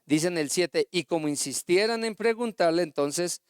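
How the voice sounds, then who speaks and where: A man's voice: high-pitched, moderate pace, smooth, no room sound, clean studio sound. A man preaching a sermon, retelling stories and asking the congregation rhetorical questions. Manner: storytelling with acted quotes and rhetorical questions.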